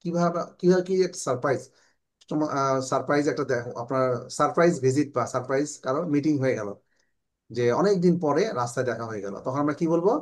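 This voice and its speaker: A man with a Bangladeshi accent and a fairly high-pitched voice teaches an English class online. He explains in Bengali and models English phrases slowly.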